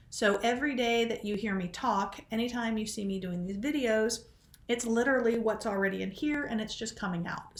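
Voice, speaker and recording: A woman teaching biology in a loose, rambling way, often poking fun at herself. Her voice sits at an ordinary middle pitch and she sounds a little short of breath. The recording has a noticeable room echo. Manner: rambling, self-deprecating, chatty. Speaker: biology instructor. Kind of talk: casual recorded lecture.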